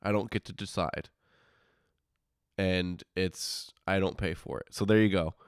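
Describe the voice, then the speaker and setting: A man with a low voice hosts a solo podcast in a casual, unhurried way, his intonation fairly even. Congested sinuses leave his nose stuffed up, yet the voice stays smooth and clean in a dry, close recording with no echo. He's informal, grumbles in asides and often cuts into his own sentences.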